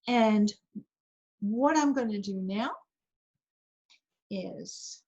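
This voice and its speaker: Female therapist, workshop presenter; breathy, higher voice, conversational and laughing, muffled recording. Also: drawn-out words, warm tone. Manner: chatty and conversational, often laughing between points.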